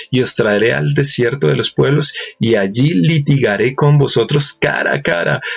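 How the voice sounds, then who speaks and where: A man's voice: medium pitch, vocal fry. A man preaching a sermon, reading verses aloud and asking his listeners questions. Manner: asks rhetorical questions and reads verses aloud. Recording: dull lo-fi recording with faint music.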